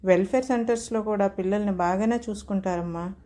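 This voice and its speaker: A woman's voice: medium pitch, fast, dark tone, close to an everyday voice. A woman voicing an older grandmother who soothes her crying grandson. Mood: soothing. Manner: soothing, coaxing.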